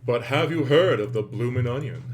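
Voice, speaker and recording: A man with a standard American accent talks in a casual reaction-chat style. His pitch sits in the middle of the male range. He rambles and puts himself down a little, and clear noise runs behind his voice. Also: expressive, normal speed. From United States. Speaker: online host reacting and commenting.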